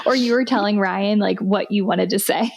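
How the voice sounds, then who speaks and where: A young woman co-hosts a podcast, chatting casually with a gravelly, medium-pitched voice at normal speed. She laughs often and fills her speech with lots of "like."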